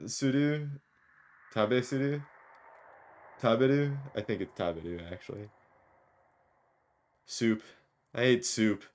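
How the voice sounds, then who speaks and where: Slow and low-voiced, this man streams a game, narrating let's-play style and voicing the dialogue with small funny voices while he jokes and wanders off topic.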